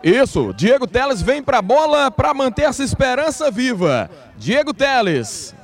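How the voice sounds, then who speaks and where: A man's voice: very high-pitched, sing-song, a little slow. A Brazilian man reporting live on a football match as a commentator.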